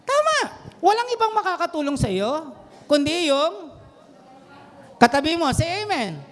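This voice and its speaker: A man preaching a sermon to a congregation, animated and mixing English phrases in, often putting questions to his listeners. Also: very high-pitched, measured pace. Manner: animated, mixes English into Tagalog, quizzes the congregation. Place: church hall. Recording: long hall reverb.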